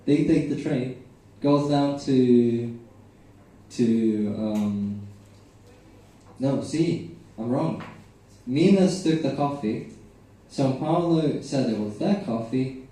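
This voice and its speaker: A man's voice: medium pitch, takes it slowly, mellow. A young Brazilian man whose first language is Portuguese, doing rambling, self-mocking stand-up at an open mic. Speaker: stand-up comedian. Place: open mic comedy venue. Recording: echoey room, from far off.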